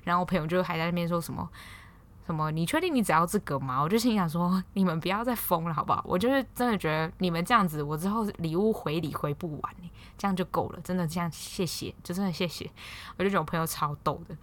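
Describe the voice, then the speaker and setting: A woman's voice: lowish voice, quick pace. A woman in her twenties with a Taiwanese Mandarin accent, hosting a casual solo podcast and rambling through a story with many restarts. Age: 20s. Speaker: podcast host.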